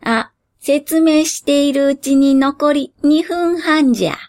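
A woman voicing a shady, lanky middle-aged male genie from a cup of noodles, speaking in a slow, old-fashioned, folksy drawl. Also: high-pitched, a little mellow. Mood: sly. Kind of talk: storybook character voice.

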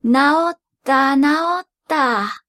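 A simple, earnest old grandfather from a storybook folk tale, played by a woman reader. He speaks slowly, with rustic, old-fashioned phrasing. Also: fairly bright tone, heavily acted. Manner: rustic old man's speech, lowered and slow.

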